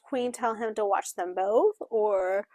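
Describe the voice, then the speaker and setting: A woman co-hosting a casual book club discussion, talking in an expressive, chatty way while also voicing interpreted signing. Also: medium pitch, takes it slowly, no room sound. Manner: expressive, chatty, with frequent fillers.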